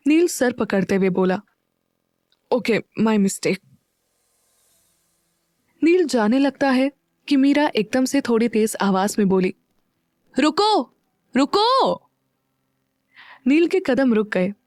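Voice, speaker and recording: A woman's voice: fairly high pitch, expressive, normal speed, dark tone, no echo, clean studio sound. A woman narrating a romance audio story and voicing all its characters. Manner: voices all characters herself.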